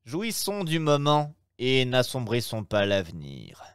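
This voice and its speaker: Man voicing a brash young gent, exclaims a lot, bouncy pitch, slow. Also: huge pitch swings, clear, resonant tone, no echo, clean studio sound. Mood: lively. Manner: exclamatory, playful. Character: young gentleman traveler, mocking, impetuous.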